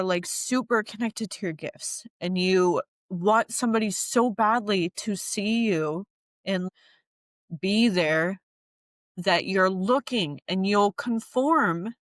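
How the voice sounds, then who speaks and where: Woman, podcast guest, heartfelt, rambling, medium pitch, dry sound. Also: fairly bright tone, no room sound. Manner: heartfelt, tearful at times, rambling. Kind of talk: emotional personal conversation.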